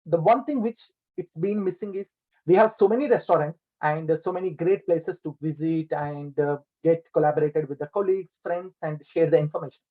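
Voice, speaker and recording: Guy on a choppy video call, thin tinny sound cutting out, slightly high voice, lots of "like, you know". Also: fairly quick. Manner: talks at length with many "like, you know" fillers. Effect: bad connection, audio cutting out. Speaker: business owner interviewed as guest. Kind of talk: video-call interview answers.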